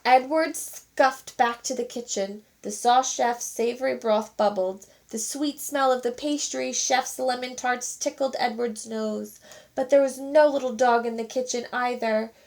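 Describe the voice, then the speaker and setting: A teacher reading a children's storybook aloud with expressive, animated narration. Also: female voice, on the high side, measured pace, creaky.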